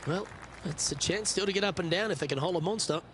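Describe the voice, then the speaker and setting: A man playing a composed, encouraging golf commentator in a video game, calling play in measured, clipped phrases. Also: high-pitched, natural voice. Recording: outdoor crowd and ambient noise behind.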